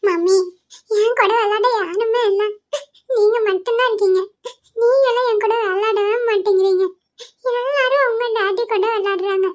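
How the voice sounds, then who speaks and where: A woman's voice: very high voice, steady tone, moderate pace, voice pushed up. A woman voicing a small boy in a cartoon, whining and crying as he pleads for his father. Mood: tearful. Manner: whiny, sobbing, pleading.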